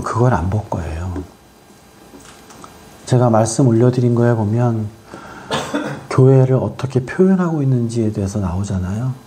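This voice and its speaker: A preacher delivering a sermon, firing rhetorical questions at the congregation and swinging between loud exhortation and quiet asides. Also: medium pitch, slight background noise.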